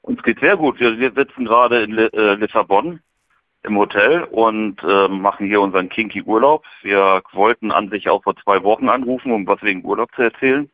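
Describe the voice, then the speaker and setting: Guy calling in over the phone, lowish voice, thin tinny line, relaxed chatty. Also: brisk, no room sound. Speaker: caller. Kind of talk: casual chat. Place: hotel room.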